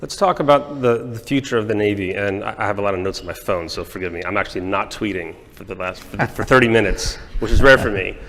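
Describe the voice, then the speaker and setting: Chatty male interviewer, lowish voice. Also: a bit bright. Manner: chatty, joking, quick asides. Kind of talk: conversational interview questions. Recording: long hall reverb.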